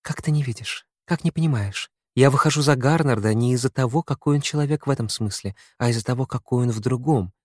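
A man voicing an anguished young woman, high and strained. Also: no echo, clean studio sound. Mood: urgent. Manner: quiet monotone, turning fast and pleading. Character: reserved young woman, cold then anguished.

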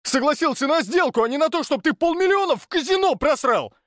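A man voicing a betrayed business partner in an audiobook, yelling in a voice that trembles with rage. His pitch jumps around restlessly. The sound is dry and close. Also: expressive, a little fast, no echo. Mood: furious yelling. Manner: yelling, seething, trembling with fury. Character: raging, betrayed middle-aged business partner.

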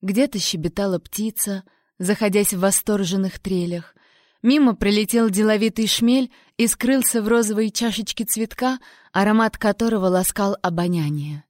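A woman calmly narrating a first-person audiobook in a measured storytelling manner. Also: mid-range voice, no room sound, clean studio sound.

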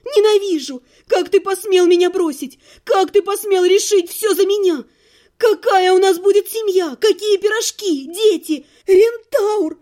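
A woman reader voicing a fiery young heroine who yells shrilly at her ex-husband. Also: a little slow. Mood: furious. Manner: shrill, explosive yelling and sharp retorts. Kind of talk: audiobook character voice.

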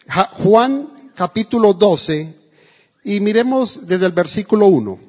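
A man's voice: high-pitched, lively intonation, a little slow. A male pastor preaching a sermon in a church, telling a story and acting out the quotes. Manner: storytelling with acted quotes, emphatic. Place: church hall. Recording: dull, echoey church recording.

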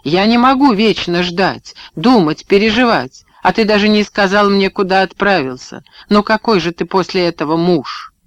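A man's voice: high voice, moderate pace, few pauses, no echo, pitched above the performer's own voice, lightly acted. A man voicing a resolute young wife who answers her husband with cold, cutting retorts. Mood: reproachful.

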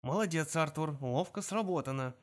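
A man voicing a quick-witted alien traveller who talks urgently and wheedles. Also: fairly high pitch, expressive.

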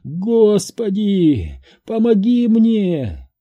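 A man's voice: sits high, wildly swooping pitch, drawn-out words, phone-quality sound, pitched above the performer's own voice, exaggerated voice. A man voicing a frightened woman who cries out and pleads in a raised voice. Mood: terrified. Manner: raised, crying out. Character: terrified young woman, desperate and pleading.

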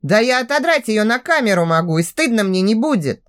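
A woman narrating a first-person audiobook in an expressive, sultry reading style. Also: fairly high pitch, fairly quick.

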